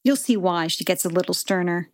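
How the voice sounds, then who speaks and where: A woman hosting and narrating a documentary podcast in a measured, clear storytelling manner. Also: lowish voice. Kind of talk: scripted narration.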